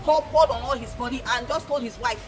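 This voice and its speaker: Speaking fairly quickly in a rather high voice over music, this woman with a Nigerian accent is an educator sharing folktales with children. She goes over points again and poses questions like a teacher.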